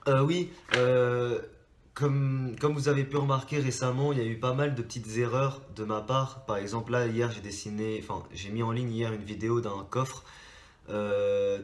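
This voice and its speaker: A young man from France hosts a drawing channel, chatting casually to subscribers while stuffed up from a cold. His mid-range voice stays level at a moderate pace in an echoey room, and he rambles with lots of hesitant restarts.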